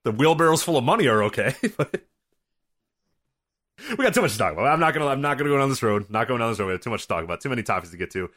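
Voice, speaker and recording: A male podcast host trades casual banter at a quick clip. His mid-pitched voice moves around in a lively way.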